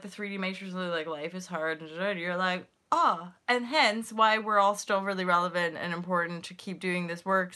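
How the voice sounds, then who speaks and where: A woman's voice: mid-range voice, bright, forceful tone. A woman hosting her own live stream, chatting casually in a giddy, rambling way, swearing freely and saying "like" often. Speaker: channel host and founder.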